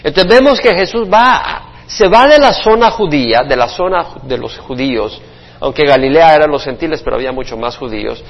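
A man teaching a Bible study as a pastor, chatting to his listeners, checking in with them and acting out short quotes. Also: a little high. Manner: conversational, asks listeners "¿verdad?", acts out short quotes. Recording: dull sound with long reverb in a hall.

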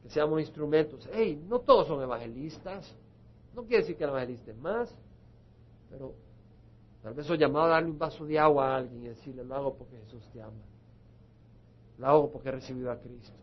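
A man pastor preaching a sermon, moving from quiet, soft passages to loud, rising appeals. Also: medium pitch, slightly rough, muffled recording.

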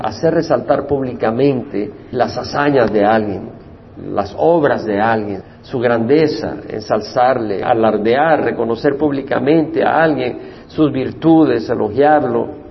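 Gravelly man teaching in a church hall. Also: medium pitch, muffled recording, slight background noise. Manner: explains Hebrew word meanings, repeating terms for emphasis. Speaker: pastor. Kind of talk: Bible study teaching.

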